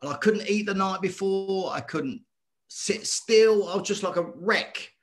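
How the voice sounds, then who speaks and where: A middle-aged man, a former boxer telling his story as a guest in earnest, animated talk that circles back on itself. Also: sits high, unhurried. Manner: earnest, animated, repeats himself. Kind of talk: conversational storytelling.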